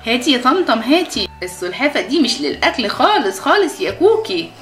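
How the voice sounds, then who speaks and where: A young Egyptian woman voices a mother in a playful children's toy scene, coaxing and motherly. Her voice sits a little high and swings up and down brightly as she talks quickly. Soft music plays underneath. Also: sing-song. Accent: Egyptian Arabic. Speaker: mother in a kids' toy play. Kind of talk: children's toy role-play.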